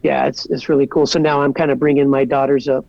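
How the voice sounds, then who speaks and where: A man's voice: mid-range voice, flat delivery, fast talker, creaky, no echo, dull audio. A man in his forties from Southern California, a guest chatting casually and rambling easily with lots of "like". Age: 40s. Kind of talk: casual podcast chat.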